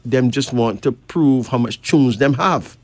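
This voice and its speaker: A man's voice: medium pitch, measured pace, dry recording. A man from Barbados, chatting and reading cards, emphatic with rising questions. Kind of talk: casual chat and card reading.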